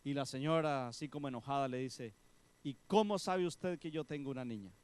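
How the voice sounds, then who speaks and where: A man, a pastor preaching and telling a story, acting out the people in it in soft, hushed voices. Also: mid-range voice, fairly quick, clean tone. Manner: animated storyteller, voicing the women in the story with soft, hushed tones. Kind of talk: sermon storytelling.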